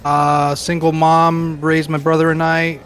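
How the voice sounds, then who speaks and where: A man's voice: on the high side, completely flat delivery, measured pace, fairly bright tone, soft background music. Rambling New man, around forty. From Queens, New York. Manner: rambling, self-deprecating, many fillers. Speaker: guest. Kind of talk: casual chat.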